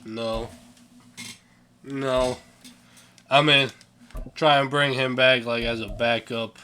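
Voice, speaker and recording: A man's voice: medium pitch, steady tone, slow pace, bright, forceful tone, a little hiss or hum. A young man giving casual, offhand commentary over a sports video game, yawning and sleepy, swearing now and then and stumbling over names. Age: young adult. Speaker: gaming channel host.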